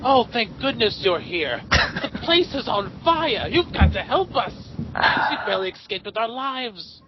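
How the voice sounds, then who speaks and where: A man putting on a high-pitched indignant adventurer. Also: very animated, unhurried, noisy background, heavily acted. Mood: pleading. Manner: exasperated, scolding, theatrical. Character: indignant pleading male adventurer, fast talker. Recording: dull lo-fi dry sound.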